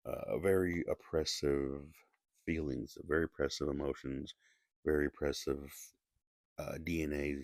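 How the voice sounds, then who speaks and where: A man giving casual solo commentary in a halting way, with many restarts and fillers, keeping his voice down. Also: very deep voice, fairly even intonation, a little mellow, no room sound, clean studio sound. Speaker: video essayist.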